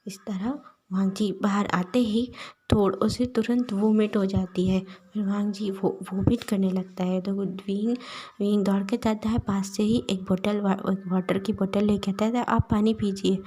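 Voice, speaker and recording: A woman tells a fan-fiction story in a relaxed, casual way. Her voice is mellow and husky, with a soft, breathy quality and a middle pitch. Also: unhurried.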